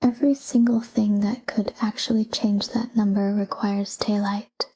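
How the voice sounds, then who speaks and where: A sleep meditation guide talks a listener down in a very dark, mellow, mid-range voice that's slightly rough, nearly whispering with soft breathiness. She stays even and calm, leaving space between short, unhurried phrases, though the recording quality is low.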